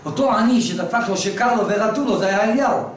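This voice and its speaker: Animated male religious teacher telling stories in class; distant mic, noisy background. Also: high-pitched, very echoey. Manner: animated storyteller, swings from hushed to loud. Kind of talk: storytelling lesson to a class.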